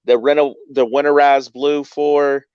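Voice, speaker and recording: Clear, higher-pitched American man chatting. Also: flat delivery, measured pace, no echo. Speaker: livestream guest. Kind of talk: casual chat. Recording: dull, dry lo-fi stream audio.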